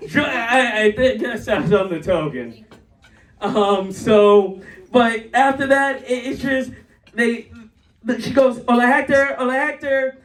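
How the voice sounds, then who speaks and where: A young man doing a stand-up set, telling stories and jumping into high, acted quotes. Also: expressive, slow. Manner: storytelling with bursts of high-pitched acted quotes. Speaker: stand-up comedian. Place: comedy club stage. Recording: roomy club sound from far off.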